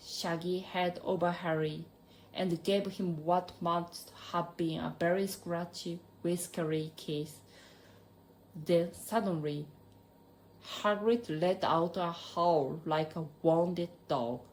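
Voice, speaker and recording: A woman with a Japanese accent reading a storybook aloud as an audiobook narrator, in a careful, unhurried way. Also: fairly low pitch, a little hiss or hum, poor audio.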